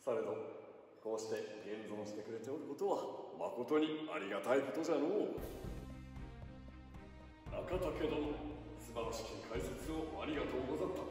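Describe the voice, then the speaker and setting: An actor playing a proud, stately feudal warlord, speaking in archaic lordly tones and making grand declarations. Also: male voice, medium pitch, expressive, moderate pace, pauses often, a little mellow, faint music behind, close to an everyday voice. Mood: gracious. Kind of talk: costumed stage skit. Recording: echoey hall heard from far off.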